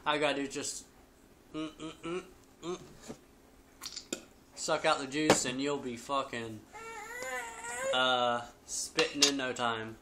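A man's voice: medium pitch, fairly even intonation, a little slow. A man in his twenties giving a casual review as a video host, talking with chewing tobacco packed in his lip. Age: 20s. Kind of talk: casual product review chat. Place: living room at home, indoors. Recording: noisy home webcam recording.

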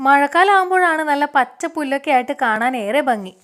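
A woman's voice: sits high, expressive, fairly quick, a bit bright. A woman casually describing the scenery for a vlog.

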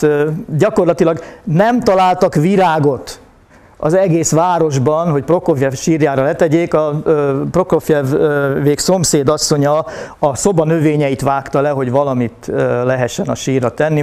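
A man giving a public history lecture to an audience, pausing often with filler sounds and addressing listeners politely. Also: a little high, vocal fry, darkish tone. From Hungary. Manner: hesitant, frequent filler sounds. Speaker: university lecturer.

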